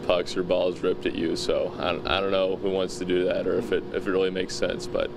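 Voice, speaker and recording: A man's voice: deep voice, little pitch movement, brisk, gravelly. A male hockey player joking offhandedly at an indoor ice rink. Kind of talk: interview. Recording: loud rink noise.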